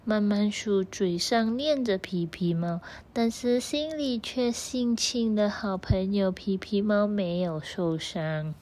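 A woman telling a children's story in a slow, soothing way. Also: mid-range voice, a little mellow.

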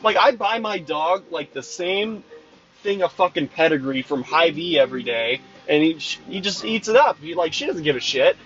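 A man's voice: fairly high pitch, animated, moderate pace, fairly bright tone. A twenty-year-old man telling a casual, profane, exasperated story about his snow cone truck job. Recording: dull lo-fi sound with faint music.

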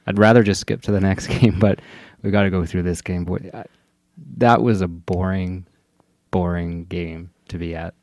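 A man's voice: sits low, steady tone, moderate pace, darkish tone, no echo. A man co-hosting a sports podcast in casual hockey chat.

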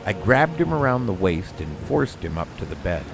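A man narrating a spooky childhood story in a measured, suspenseful way. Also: sits low, very animated, gravelly, music in the background.

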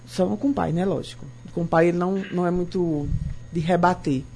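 A woman's voice: lowish voice, fairly even intonation, fairly quick, vocal fry, slight background noise. A woman who is a teacher and a mother, telling anecdotes about her son on a podcast. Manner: warm anecdotal storytelling. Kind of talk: casual chat.

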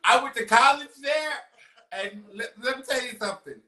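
A woman's voice: on the high side, moderate pace, pushed and bright. A woman hosting a casual chat show, teasing her guests and laughing often. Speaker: podcast host. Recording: echoey room, distant mic.

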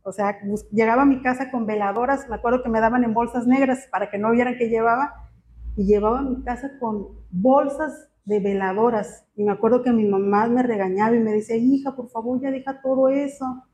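A woman gives a personal church testimony, speaking in a halting, emotional way with many fillers. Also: fairly high pitch, steady tone, a little mellow. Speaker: church member giving testimony. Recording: muffled, slightly noisy.

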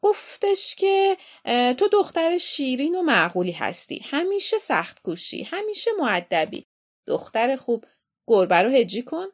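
Storybook aunt, middle-aged, bossy and bustling, high-pitched and gravelly, woman reader doing her. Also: very animated, full character voice. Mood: chatty. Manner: shouting and chattering eagerly.

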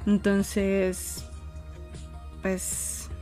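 A woman's voice: medium pitch, monotone, very slow, warm tone, faint music behind. Hesitant woman telling a story casually. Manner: hesitant, many fillers and restarts. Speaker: podcast co-host.

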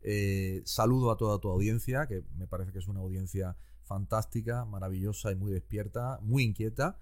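A man, a guest teacher explaining things calmly and patiently in conversation. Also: lowish voice, moderate pace. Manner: calm, didactic, explains patiently.

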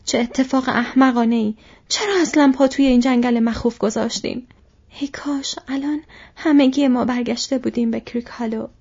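A woman voicing a frantic young male hobbit in an audiobook, breathy and crying out high and loud. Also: fairly even intonation. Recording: dull lo-fi recording.

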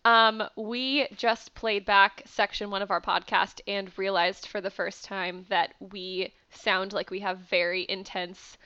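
A woman in her thirties co-hosting a casual podcast, wry and teasing with quick quips. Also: medium pitch, bright, forceful tone, clean tone, no echo. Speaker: podcast co-host. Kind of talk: casual chat. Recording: dry lo-fi borrowed equipment.

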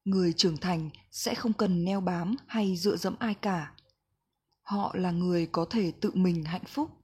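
A woman reading a reflective book passage aloud in a slow, gentle, measured way. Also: on the low side, slightly rough. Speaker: book reader.

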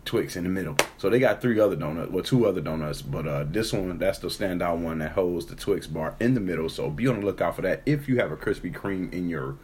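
A man's voice: low voice, lively intonation, fairly quick, hardly any pauses, darkish tone, a little hiss or hum. A congested man co-hosting a podcast, chatting loosely and cursing as he jokes. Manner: loose and profane, joking. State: congested, coughing. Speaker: podcast co-host. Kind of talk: casual chat.

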